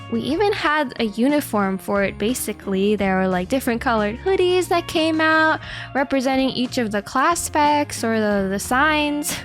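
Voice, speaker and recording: A woman in her twenties chatting casually as a reacting streamer, with a cute, playful, excitable anime-streamer delivery and some swearing. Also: high voice. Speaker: streamer reacting to animation news.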